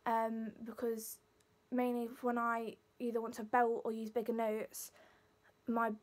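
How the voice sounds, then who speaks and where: A young woman with a Leicester accent, a singing student, informally explains vocal warm-up exercises to camera. Her voice is a little high, monotone, and unhurried.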